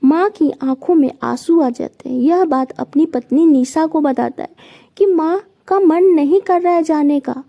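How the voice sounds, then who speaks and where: A woman's voice: high voice, measured pace, creaky. Woman telling a moral story, simple plain reading, dull lo-fi sound. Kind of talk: storytelling narration.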